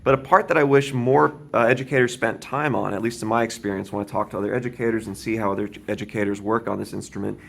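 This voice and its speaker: A man teaching drums, explaining a beginner beat and counting aloud with a steady, patient manner, often checking in with "right?". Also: lowish voice, quick pace, creaky, few pauses, slight background noise. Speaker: drum teacher. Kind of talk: instructional demonstration. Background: drum kit playing.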